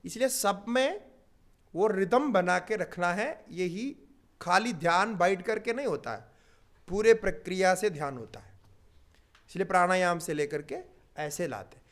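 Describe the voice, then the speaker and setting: An older man teaching yoga philosophy, explaining patiently with everyday examples and pausing on drawn-out fillers. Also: high-pitched, a bit bright. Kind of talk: spiritual teaching talk.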